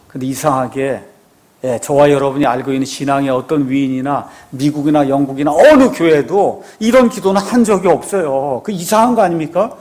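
This pastor has a slightly high, darkish voice and delivers his sermon conversationally. He poses rhetorical questions to the congregation and often affirms himself with a short "yes."

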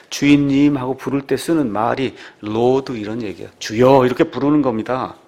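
Korean man preaching a sermon. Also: mid-range voice. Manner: explains patiently, rising to emphatic exclamations. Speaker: pastor.

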